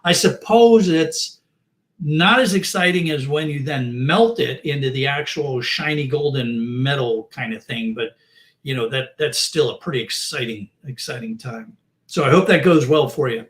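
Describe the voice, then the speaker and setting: A man's voice: medium pitch, moderate pace. A middle-aged man hosting a casual livestream chat, rambling and friendly, with many fillers and restarts. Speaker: host.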